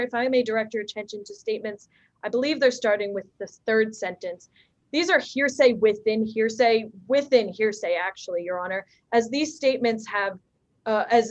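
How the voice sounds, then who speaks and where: A woman's voice: fairly high pitch, highs cut off. A young woman trial advocate making a firm, argumentative legal objection in a formal courtroom, with a few restarts, heard through a courtroom recording.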